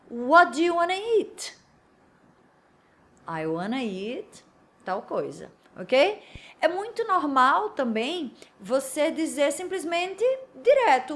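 Woman, Brazilian accent, Portuguese native, English teacher, young adult, unhurried, slightly high voice. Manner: slow, drawn-out model phrases between quick explanations. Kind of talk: language lesson.

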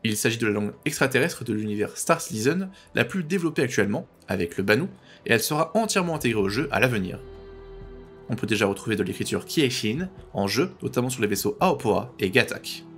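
A man narrating a language tutorial, patiently explaining and slowly repeating pronunciations. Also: medium pitch, animated, a bit bright, faint music behind. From French-speaking.

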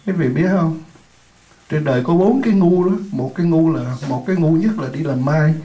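A man teaching an English lesson in Vietnamese, repeating words slowly for a class to echo and adding chatty, joking asides. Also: fairly high pitch, mellow, highs cut off. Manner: drills words slowly, many times over, for the class to repeat.

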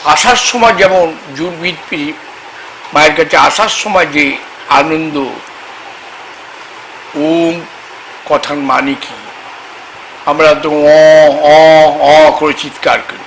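A man, a tantric astrologer, talking slowly and haltingly about faith at a temple, with sudden loud emphatic bursts. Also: fairly high pitch, slight background noise, rough recording. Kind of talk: spoken religious talk to camera. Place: temple grounds, outdoors.

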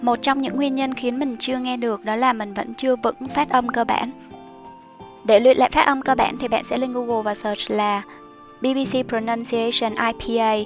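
Young female tutor, slightly high-pitched, casual explanatory delivery, faint music underneath. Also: fairly even intonation, moderate pace. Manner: chatty, explanatory, with soft fillers. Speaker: IELTS teacher. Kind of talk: study tips tutorial. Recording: soft music behind the voice.

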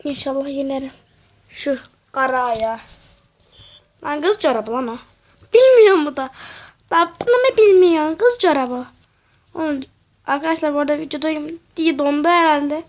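High-pitched excitable woman gaming. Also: moderate pace, pauses often, a little hiss or hum. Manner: excitable, slangy, talks to herself. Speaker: gamer. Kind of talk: casual gameplay commentary.

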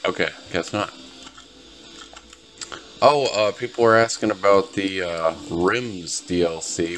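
Speaking low with a bit of brightness, a laid-back gaming video host who is tired and just woke up chats to his viewers in loose, rambling commentary on the gameplay.

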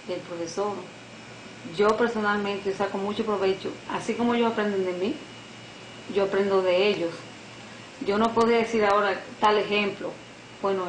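A middle-aged woman from the Dominican Republic with a Dominican accent, a piano and French teacher answering interview questions, often pausing to search for words. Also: mid-range voice. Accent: Dominican Spanish. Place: living room on a sofa. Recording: echoey room, noisy old video tape.

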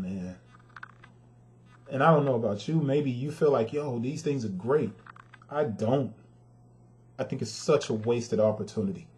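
With a warm, mid-range voice, an adult man who has a son vents about sneakers in a casual, emphatic review. He speaks directly to the people watching.

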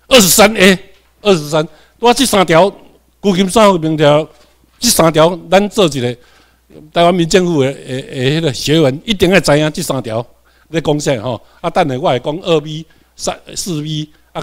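A man's voice: fairly high pitch, a bit bright. A man from Tainan, Taiwan, with a Taiwanese accent, giving a classroom lecture. He repeats key points and keeps checking in with his students.

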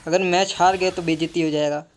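A young man commentating his own mobile game live, excitable and talking to himself with frequent mild swearing. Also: fairly high pitch, a little fast. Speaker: gaming streamer.

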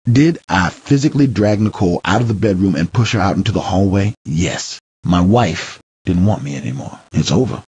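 Low, animated, and brisk with few pauses, a husky, gravelly male narrator reads a first-person memoir for an audiobook. He performs theatrically, moving between quiet intensity and heated outbursts. The sound quality is lo-fi.

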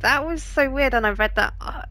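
A woman's voice: sits high, a little fast, pushed and bright, no echo, low-quality recording. Giggly young woman playing a game. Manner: giggly, chatty, exclaims at scares. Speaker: let's play gamer. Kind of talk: casual game commentary.

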